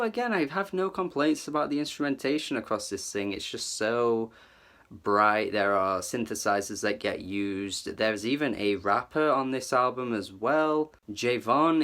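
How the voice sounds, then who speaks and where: A man's voice: medium pitch, fairly bright tone. A man giving a casual, enthusiastic album review, full of "like" and "kind of" as he talks it through. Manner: chatty, filler-heavy, hedging with "like" and "kind of". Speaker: music reviewer.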